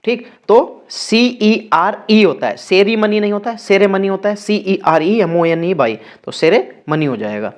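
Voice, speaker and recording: Hindi-speaking male teacher spelling words slowly. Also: high voice, lively intonation. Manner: spells words letter by letter, slow and deliberate. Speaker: exam prep teacher. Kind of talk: spelling lesson.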